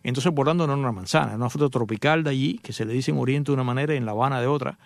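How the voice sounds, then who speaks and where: A middle-aged man hosts a radio segment about cars, rattling off jokey anecdotes at a brisk clip. His voice sits a touch high and carries a gravelly rasp. The sound is dry and close, with no room around it. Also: dry recording. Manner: joking, chatty storyteller addressing listeners. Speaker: radio host and motoring journalist. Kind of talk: casual radio talk with anecdotes.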